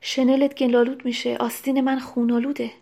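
A woman's voice: sits high, flat delivery, vocal fry, dark tone. A woman reading a weak wounded young manservant. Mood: weak, faint. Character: wounded loyal young male servant, weak.

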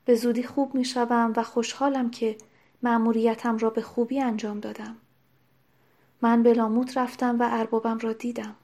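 A wounded young manservant speaks faintly through his pain, read by a woman. His voice stays level and strained, a little high for a man. This is storybook reading, not full acting. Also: level tone, a little mellow. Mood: weak, faint. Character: wounded loyal young male servant, weak.

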